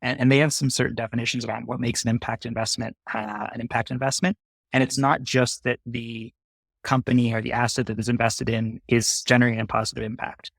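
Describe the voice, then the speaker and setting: A man's voice: medium pitch, little pitch movement, a little fast, gravelly, a bit bright, husky, no room sound. A man, a fund manager guest in an interview, explaining methodically with frequent "uh" fillers. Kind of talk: interview conversation.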